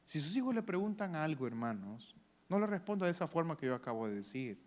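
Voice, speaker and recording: Male pastor preaching, fairly high pitch with a lively swinging delivery, acts out story voices. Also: fast. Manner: animated preaching that swings from loud to hushed. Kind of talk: sermon.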